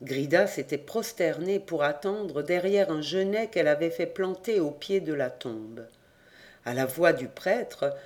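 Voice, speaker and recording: An audiobook reader narrating a literary tale at a slow, even storytelling pace. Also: mid-range voice.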